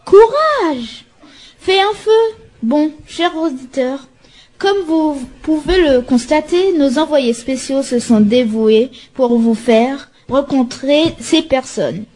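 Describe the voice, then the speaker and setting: A woman's voice: high-pitched, slow, dark tone. A woman playing a jaunty radio studio host. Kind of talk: amateur radio-skit acting.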